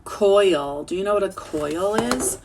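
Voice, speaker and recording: A woman teaching children an online phonics lesson, sounding out words slowly and clearly. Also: mid-range voice, lively intonation.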